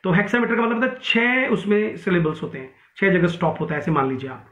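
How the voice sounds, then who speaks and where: ऊँची आवाज़ वाले पुरुष शिक्षक का व्याख्यान, गूंजती कमरे की टिनी recording. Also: male voice, high-pitched, lively intonation, fast, a bit bright. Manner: mixes Hindi and English, many fillers and restarts. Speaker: English literature teacher. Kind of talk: online exam-prep lecture. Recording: tinny echoey room sound.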